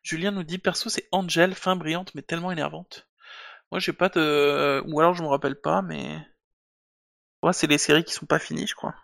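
Guy cohosting a live stream, slightly high voice w some fry, hesitant, lots of euh. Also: steady tone, normal speed, a bit bright, no echo, clean studio sound. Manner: hesitant, many fillers and restarts. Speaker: podcast co-host. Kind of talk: casual live-stream chat.

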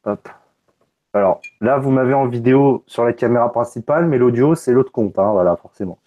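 A man's voice: medium pitch, a little fast, mellow. A man hosting a casual live unboxing stream, loose and joking, swearing casually. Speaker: tech streamer.

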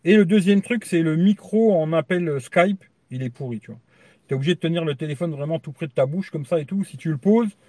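On a live stream, this tech channel host talks fairly quickly in a dark voice on the high side, recorded with no room sound. His chatter is crude and rambling, and "tu vois" caps almost every phrase.

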